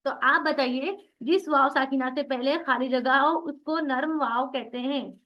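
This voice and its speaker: A woman teaching an online Quran recitation class, asking questions and answering them herself, drilling syllables slowly one by one. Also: sits high, highs cut off.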